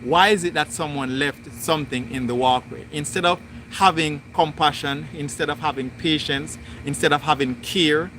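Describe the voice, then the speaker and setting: A man hosting a spiritual livestream, talking through his thoughts in slow, deliberate, repetitive phrasing. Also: a little high, sharp tone, a little hiss or hum. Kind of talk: reflective spoken monologue.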